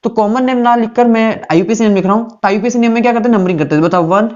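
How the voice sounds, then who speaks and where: A man's voice: high voice, rapid-fire, darkish tone, highs cut off. A male teacher giving a classroom lecture, asking questions aloud and answering them himself while repeating the key terms.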